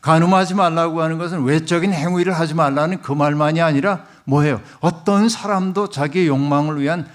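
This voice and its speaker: A man's voice: on the high side, steady tone, brisk, hardly any pauses. A middle-aged man preaching a sermon as a pastor, telling a story and speaking directly to the congregation.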